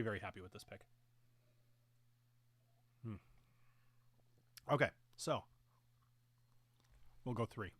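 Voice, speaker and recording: A man's voice: mid-range voice, dry recording. A man hosting a casual live-stream whiskey tasting, rambling with fillers and self-corrections and sometimes talking with his mouth full. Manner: talks while chewing and sipping.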